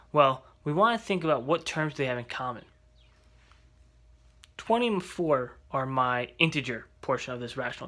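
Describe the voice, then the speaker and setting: A man's voice: medium pitch, fairly bright tone. A man teaching an algebra lesson, explaining step by step and checking in with rhetorical questions. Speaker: math teacher.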